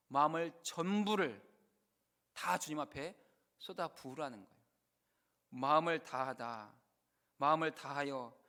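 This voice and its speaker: Earnest and mid-range in voice, a man preaches as a pastor; he swells into loud emphasis at times and sinks to a hush when quoting prayers.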